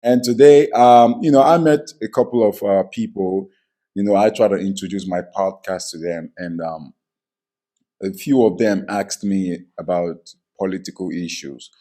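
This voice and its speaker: In his studio, a male podcast host with a low, mellow voice conducts an interview at a moderate pace. He talks earnestly but rambles, with many fillers.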